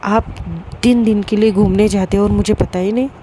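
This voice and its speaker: A teasing, pushy young man in a spoken storybook, pressing and wheedling in a level, flat voice, as a woman narrator plays him. Traffic noise hums clearly behind. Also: mid-range voice, moderate pace, natural voice. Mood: sulking.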